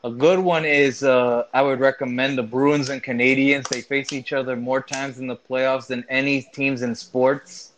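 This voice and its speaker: A man in casual chat who talks haltingly, restarting phrases and filling pauses with "uh". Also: mid-range voice, steady tone, a bit bright, low-quality recording.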